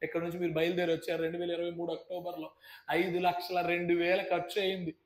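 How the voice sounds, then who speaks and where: A pastor in his thirties preaches a fervent testimony from the pulpit, his voice high for a man and full of emotion. He keeps calling out praise and speaking straight to the congregation. The microphone carries him through a roomy, echoing church hall. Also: completely flat delivery, fast. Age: 30s. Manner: addresses listeners directly and often. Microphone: stage microphone.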